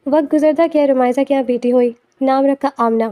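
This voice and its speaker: A woman narrating a romance novel as an audiobook in a steady, even reading. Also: high-pitched, no room sound.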